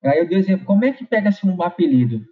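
Middle-aged paulista man, high voice, motivational speaker, casual repetitive delivery, lo-fi recording. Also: sing-song, quick pace. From São Paulo, Brazil. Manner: conversational, repeats phrases and tags with "né". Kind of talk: motivational talk with personal anecdote. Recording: slightly dull lo-fi recording.

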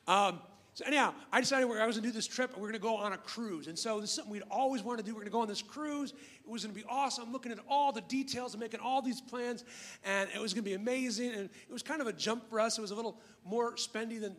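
A middle-aged male pastor with a notably high voice, preaching in a loose, conversational way. He stumbles into restarts and throws asides to the congregation as he goes. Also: fast talker, fairly bright tone. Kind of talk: sermon.

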